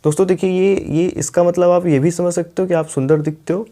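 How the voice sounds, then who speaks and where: Speaking in a high, mellow voice with fairly even intonation, a young Indian-accented man gives a patient English grammar lesson. He repeats his example sentences slowly.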